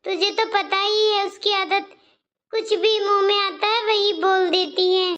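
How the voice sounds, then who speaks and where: A woman's voice: extremely high pitch, level tone, unhurried, lo-fi sound. A woman voicing a kindly, worried middle-aged mother in a cartoon story. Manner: gentle, regretful, pleading.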